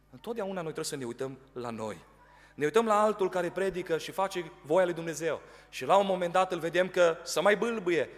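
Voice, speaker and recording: A man with a Romanian accent preaching a sermon in a church prayer house, telling stories and acting out the people in them. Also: high-pitched. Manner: lively, animated storytelling with voiced quotes. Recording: long hall reverb.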